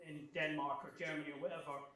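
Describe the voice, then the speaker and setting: A guest speaker at a technical club gives an informal live talk in the club meeting room, answering questions in a halting, think-out-loud way. His voice is a little high and sharp with a flat delivery, captured by a distant microphone in an echoey room.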